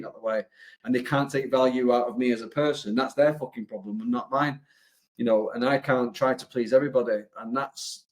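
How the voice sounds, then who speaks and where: Man, English accent, business coach, casual motivational talk, blunt, sweary, lots of ums and restarts, medium pitch. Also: darkish tone. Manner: blunt, sweary, rambling with many fillers.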